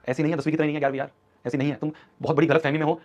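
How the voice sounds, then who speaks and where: Fast, urgent young male teacher. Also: on the high side, level tone, a little mellow. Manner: urgent, scolding, repetitive. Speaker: online teacher. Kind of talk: motivational class talk. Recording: dull lo-fi stream audio.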